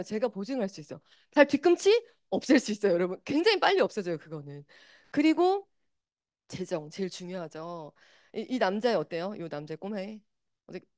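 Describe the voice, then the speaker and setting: Animated woman giving a motivational talk. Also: medium pitch, no room sound. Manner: animated, addresses audience directly. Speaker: speaker.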